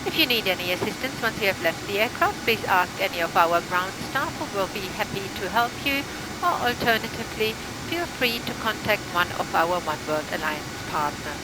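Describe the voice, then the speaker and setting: A polite female flight attendant played by a woman delivers a scripted airline announcement. Her delivery is formal and measured at a middle pitch. Loud aircraft cabin noise runs all through the recording. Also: natural voice. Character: courteous female airline cabin crew member. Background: loud steady aircraft drone.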